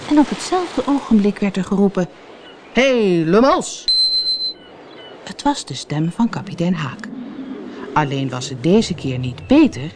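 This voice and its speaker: Dutch storyteller reading a kids fairy tale, super animated up-and-down voice, faint hiss in the background. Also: medium pitch. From Netherlands. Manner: expressive, lively storytelling. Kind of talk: audiobook fairy tale narration.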